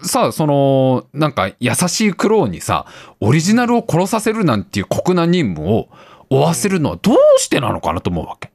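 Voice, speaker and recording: A man's voice: fairly high pitch, huge pitch swings, moderate pace, a little mellow, no room sound. A man in his thirties animatedly retelling a film on a casual radio talk show, acting out lines and laughing often. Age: 30s. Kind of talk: casual chat retelling a film with acted quotes.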